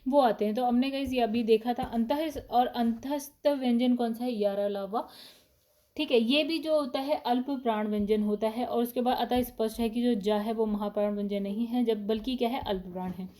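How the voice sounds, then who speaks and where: A woman gives a casual grammar lesson for exam candidates. Her voice sits a little high but sounds warm and mellow. She walks through each point step by step, posing questions and answering them herself, with short fillers as she reads. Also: steady tone. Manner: explains step by step, often asks and answers her own questions; fillers and short pauses while reading options. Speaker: exam prep teacher.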